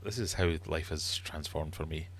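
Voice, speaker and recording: Extremely low-pitched and gravelly yet fairly bright, a middle-aged Glaswegian man speaks at normal speed with slight background noise. A livestream host and quizmaster from Glasgow, Scotland, he rambles casually through live chat and reads out viewer comments.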